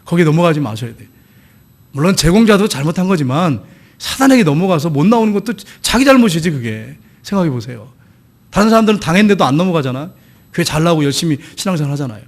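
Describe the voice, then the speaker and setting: A man's voice: on the high side, quick pace. A middle-aged man preaching a sermon as pastor, acting out the voices of church members he tells about. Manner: lively preaching, acts out quoted church members.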